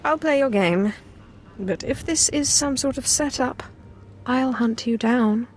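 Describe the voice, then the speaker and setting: An actress playing a menacing female Sith lord in a video game, speaking coldly and deliberately. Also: a little high, slight background noise, close to an everyday voice. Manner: cold, threatening, deliberate.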